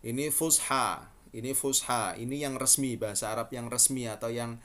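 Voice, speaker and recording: A man gives a relaxed, casual language lesson and keeps calling his listeners friends. He says each example phrase slowly and a little higher, then lets his voice fall low and soft at the ends of sentences. His voice sits at a medium pitch. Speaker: Arabic teacher.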